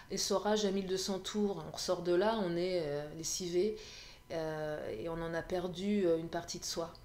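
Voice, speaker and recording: A woman's voice: mid-range voice, darkish tone. Lady doing a card reading, chatty and laughy, echoey room with a bit of hiss. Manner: chatty, laughs often, repeats phrases. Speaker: tarot and oracle card reader. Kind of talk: casual card-reading monologue. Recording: echoey room with faint noise.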